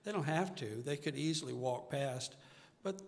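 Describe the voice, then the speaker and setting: An older singer-songwriter with a slightly high, gravelly voice speaks at normal speed as a guest in a casual onstage interview at a live music show. He chats earnestly, and the hall is reverberant with music playing behind him.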